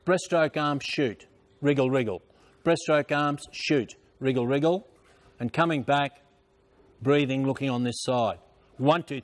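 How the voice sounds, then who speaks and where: An older male swim coach with a fairly bright, somewhat high voice calls out short, repeated drill instructions and counts across a large indoor swimming pool. The recording is noisy, full of splashing ambience.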